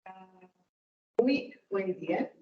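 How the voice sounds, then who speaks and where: A woman guest speaker with a Slovak accent carrying Portuguese traces gives a conference talk, slow and hesitant as she searches for words in a non-native language. Her mid-range voice has lively intonation, though the distant mic in an echoey hall leaves it muffled with a little hiss or hum.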